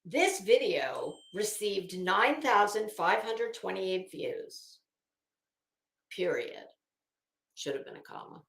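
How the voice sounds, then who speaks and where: Speaking slowly in a medium-pitched, fairly bright voice, a very animated woman hosts a live stream with blunt, sarcastic and dramatic commentary. She alternates reading aloud with spontaneous, sweary remarks, in an echoey, roomy room.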